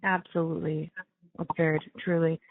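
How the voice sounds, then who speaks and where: High, creaky male voice on prison phone. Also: flat delivery, normal speed. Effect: prison phone line. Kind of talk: casual phone conversation. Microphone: telephone. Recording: tinny narrow prison phone line.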